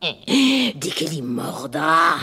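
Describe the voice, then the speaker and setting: An actress voicing a wicked queen disguised as an old witch, sly and wheedling, in a storybook recording with soft music behind. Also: sits low, big pitch swings, drawn-out words, exaggerated voice. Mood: gloating. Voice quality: creaky, husky old crone voice.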